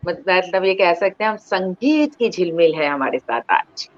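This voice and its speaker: Encouraging low-voiced woman host. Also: lively intonation, moderate pace, no room sound, dull audio. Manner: encouraging, formal, praises often. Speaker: interview host. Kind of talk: hosting an online interview.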